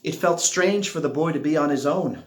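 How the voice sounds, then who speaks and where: A man reading a children's picture book aloud expressively, with dramatic pauses and drawn-out words. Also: fairly high pitch. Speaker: storybook reader. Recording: echoey room.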